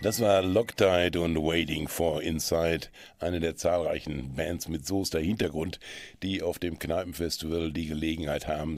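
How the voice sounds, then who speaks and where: A man presenting a community radio magazine in a calm, measured manner. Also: rumbling low, no echo. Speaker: radio host. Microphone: studio microphone.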